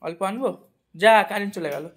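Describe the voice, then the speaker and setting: A woman's voice: medium pitch, moderate pace, husky. Chatty woman vlogger. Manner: chatty, teasing, narrating to viewers. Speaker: vlogger host. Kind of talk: casual family vlog chat. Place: home, at a family meal.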